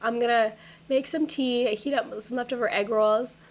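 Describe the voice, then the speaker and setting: A young woman with a hoarse, worn voice talks to her stream audience at a desk mic in her home gaming room. She rambles casually, repeating words and leaning on fillers as her thoughts tumble out. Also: fairly high pitch, steady tone, normal speed. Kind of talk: casual chat with viewers.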